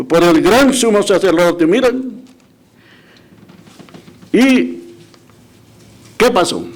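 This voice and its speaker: A male pastor preaching a sermon, retelling scripture with emphatic rises and dramatic quoted voices, with frequent restarts. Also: sits high. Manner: restarts and self-corrections.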